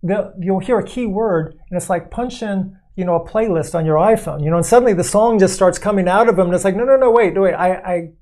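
Male podcast co-host, warm mellow tone, calm explainer. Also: sits high. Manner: measured, explanatory, acts out quoted callers.

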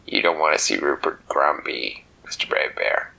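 A man voicing a gruff, pushy male pygmy flamingo in a bedtime story, growling low and fast. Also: sharp tone, exaggerated voice, low-quality recording.

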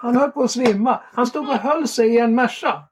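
A Swedish man sharing a faith testimony in lively storytelling, animated and laughing often. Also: very high-pitched, a little hiss or hum. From Sweden.

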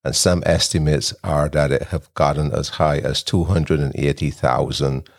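A man hosting a podcast, reading his introduction in a measured, earnest way and interviewing guests at home. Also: extremely low pitch, steady tone. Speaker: podcast host. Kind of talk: scripted podcast narration. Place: home kitchen.

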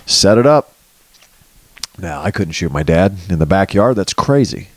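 A podcast host delivers a rambling comic monologue, crude and sarcastic, swearing freely and hopping loosely between topics. His low-pitched voice is very animated and a little slow, with no room sound.

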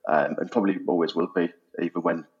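A man's voice: low voice, steady tone, fast talker. A man of about forty with a Sunderland accent, answering interview questions in a reflective, conversational way. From Sunderland, North East England. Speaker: podcast guest, housing operations head. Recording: dull, muffled lo-fi audio.

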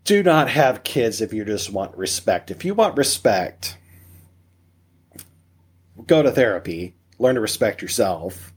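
A man's voice: lowish voice, very animated, measured pace, long pauses, breathy edge. A man talking as a guest on a parenting podcast, joking and emphatic, firing off rhetorical questions. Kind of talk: casual conversational interview.

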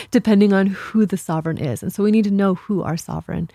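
A woman speaking as a podcast guest, explaining things in a casual, thoughtful way with some halting phrasing. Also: medium pitch, gravelly, mellow, no echo. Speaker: podcast guest, women's Bible study teacher.

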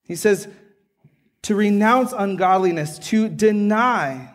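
A man's voice: high-pitched, animated, slow pace. A man preaching a sermon earnestly, often checking in with the listeners by asking "right?". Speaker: pastor.

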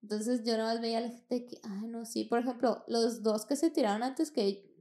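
A woman's voice: on the high side, fairly even intonation, fairly quick, warm tone. A young woman with a Mexican accent, telling a personal story in casual, slangy, profane chat and acting out the dialogue. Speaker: podcast host.

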